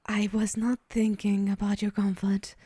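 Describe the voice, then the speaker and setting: Playing a possessive, teasing she-demon for an ASMR roleplay, a woman hushes her words directly at the listener, menacing but indulgent, with a smug, coaxing mood. Her medium-pitched voice is monotone, unhurried and slightly rough. The recording is dry.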